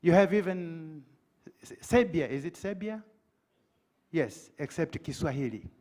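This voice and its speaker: A middle-aged man speaks up from the floor of a conference, making his case with a short story before his question. His voice sits a bit high for a man, and his manner is earnest and pointed. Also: animated, measured pace, darkish tone. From Tanzania. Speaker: audience member asking a question.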